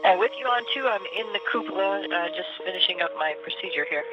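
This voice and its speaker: A woman's voice: mid-range voice, quick pace, muffled recording, music in the background. A woman astronaut giving clipped, matter-of-fact procedural calls over a distant space-to-ground radio link.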